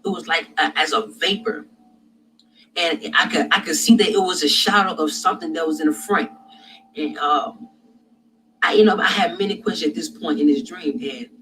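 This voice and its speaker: A man recounts a dream of judgment, voice pitched high and often stumbling over restarts and fillers. He swings from hushed to loud and intense. A faint hiss sits under the recording. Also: poor audio. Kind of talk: personal dream testimony.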